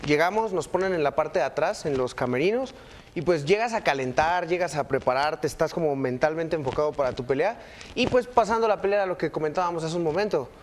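Mexican man, relaxed fighter talk. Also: on the high side, brisk, a little hiss or hum. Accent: Mexican Spanish. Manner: relaxed, reflective, many fillers like "pues". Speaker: interview guest, UFC fighter. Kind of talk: casual interview answers.

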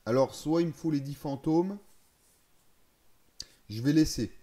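A man's voice: a little high, unhurried, warm tone. A man casually explaining a game's settings, thinking aloud, hesitating and correcting himself as he goes. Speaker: gaming video creator.

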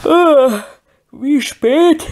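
A woman's voice: medium pitch, animated, moderate pace, darkish tone, natural voice. A woman reading aloud and voicing a sleepy, plain-hearted young male hobbit who speaks drowsily and bluntly.

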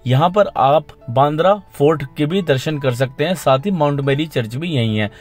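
A man's voice: fairly high pitch, moderate pace, faint music behind. A man giving a scripted, informative tour-guide voice-over for a travel vlog. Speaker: travel vlogger.

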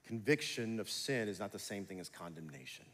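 A man's voice: lowish voice, lively intonation, fairly quick, a bit bright. A man preaching a sermon as pastor, conversational and building to emphatic passages. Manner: conversational preaching, rising to emphatic near the end. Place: large church sanctuary. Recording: church hall reverb.

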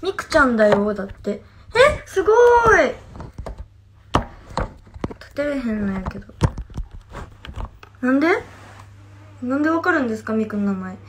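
A woman's voice: a little high, lively intonation, a little fast, long pauses, background noise. A young woman in her twenties from Fukuoka with a Hakata dialect accent, chatting casually on a phone livestream while reading fan comments. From Fukuoka, Japan. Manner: chatty, reacts to comments, drifts into soft whispers. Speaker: idol livestreaming to fans.

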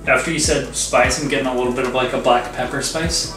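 A man's voice: medium pitch, fairly even intonation, fast talker, fairly bright tone, faint music behind. Young man, roomy sound, emphatic slangy talk. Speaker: whiskey reviewer, co-host. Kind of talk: casual review chat. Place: small room with home bar, indoors. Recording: roomy echo, slightly distant mic.

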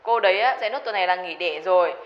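A woman's voice: fairly low pitch, expressive, quick pace, highs cut off, natural voice. An actress playing a hapless young female student who whines and wails about her troubles. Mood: pleading. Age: young adult. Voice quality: wailing, whiny. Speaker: student in a comedy sketch.

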